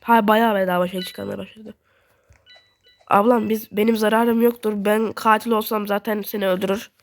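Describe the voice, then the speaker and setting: A young woman giving casual, excitable commentary while playing a game and talking to her viewers. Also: medium pitch, moderate pace. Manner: chatty, excitable, talks to viewers. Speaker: gaming video host.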